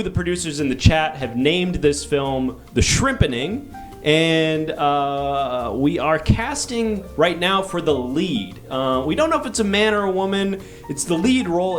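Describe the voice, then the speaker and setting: A man hosts an improvised comedy casting show with a somewhat high voice. He talks in a rambling, conversational way and stays polite as he steers things along. Light music runs underneath. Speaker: host.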